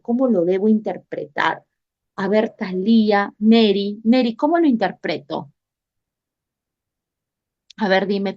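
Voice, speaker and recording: A woman's voice: on the high side, mellow. A woman English teacher, running an online class, patiently repeating questions and calling on students by name. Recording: dull lo-fi online class audio.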